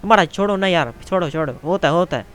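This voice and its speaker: A man's voice: high-pitched, animated, fast talker, fairly bright tone, smooth. A man voicing a quarrelsome male Pathan tent builder in a game role-play, arguing in Pashto-accented Urdu with broken grammar. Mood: grumbling. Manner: argumentative, grumbling, broken grammar, keeps saying "maada".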